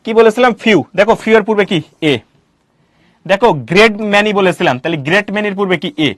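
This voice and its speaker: A male teacher delivers a grammar lecture in class, firing quick questions at students and answering them himself. His voice is high and somewhat bright, captured in a dry, studio-quality recording.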